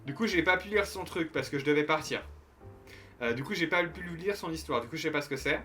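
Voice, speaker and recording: Young guy streaming a game, talks to chat, kinda high and bright voice, jokes and trips over his words, game music faint under it. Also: a little fast. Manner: joking, rambling, stumbling restarts. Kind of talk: casual gameplay commentary to chat. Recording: light game music behind.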